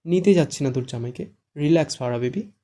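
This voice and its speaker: A man's voice: a little high, quick pace, warm tone, close to an everyday voice. A man voicing a teasing young woman friend. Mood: comforting. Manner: teasing, chatty.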